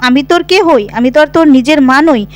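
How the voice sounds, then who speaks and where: Woman voicing a firm but caring older aunt; scolds gently, quick pace. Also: sits high, close to an everyday voice. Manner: scolding yet tender.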